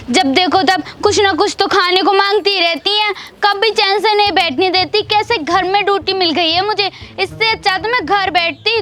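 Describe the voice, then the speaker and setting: A woman's voice: extremely high pitch, fairly bright tone. A woman playing a fed-up housemaid who mutters sarcastic complaints about her mistress in a comedy skit.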